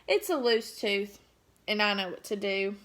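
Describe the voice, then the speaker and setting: A woman voicing a confident storybook father who speaks in a matter-of-fact, lowered voice. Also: a little slow, close to an everyday voice.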